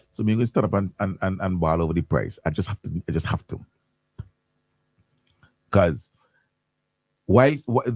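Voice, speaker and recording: A man's voice: mid-range voice, a little mellow, husky, no echo. A man hosting morning radio talk, ranting animatedly with lots of repeats and restarts in a studio. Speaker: radio host.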